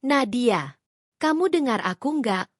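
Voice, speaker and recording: A woman's voice: on the high side, lively intonation, takes it slowly, no room sound, studio quality, voice pushed up. A woman voicing a scheming husband who is exposed and turns angry and menacing in a read-aloud story. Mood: tense. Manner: shouting, menacing.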